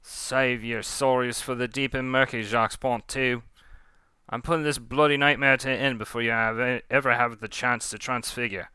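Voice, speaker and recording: A man's voice: medium pitch, steady tone, moderate pace, pushed and bright, smooth, dry recording, natural voice. A man voicing a vengeful, swaggering female pirate captain with a wobbly Cockney accent that slips toward Australian, brash and menacing in a story. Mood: irritated, commanding. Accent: attempted Cockney, slipping toward Australian. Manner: brash, menacing, salty slang.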